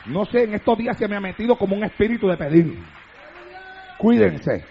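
Male pastor, fervent radio sermon, high and gravelly, faint hiss behind. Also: animated, fairly quick. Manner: fervent, emphatic preaching with shouted exhortations. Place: church altar. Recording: dull lo-fi radio broadcast recording.

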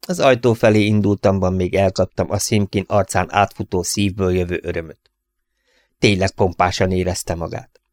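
A man narrating a humorous first-person audiobook in an expressive storytelling manner. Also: low-pitched, no echo.

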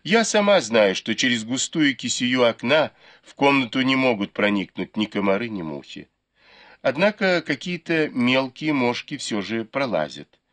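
A man voicing a gentle, patient young maid who speaks quietly and politely. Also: medium pitch, big pitch swings, moderate pace. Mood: soft, deferential.

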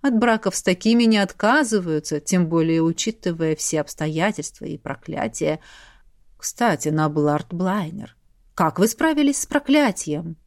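A woman voicing a calm, polite male clerk who speaks slowly and gently. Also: on the low side, no echo, studio quality, voice pushed down. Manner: slow, measured and gentle.

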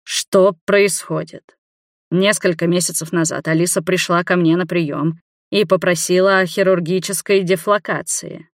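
A woman's voice: on the low side, steady tone, normal speed, no room sound, studio quality, lightly acted. A woman voicing an agitated male doctor who fires off heated, almost hysterical questions.

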